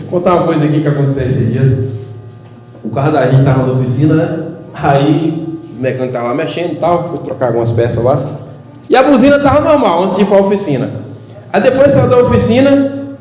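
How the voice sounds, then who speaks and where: A man's voice: on the high side, animated, brisk, darkish tone. Brazilian preacher man in an echoey hall. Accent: Brazilian Portuguese. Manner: chatty, folksy storytelling with frequent "né" and "irmãos". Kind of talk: informal evening sermon. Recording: echoey hall with faint hum.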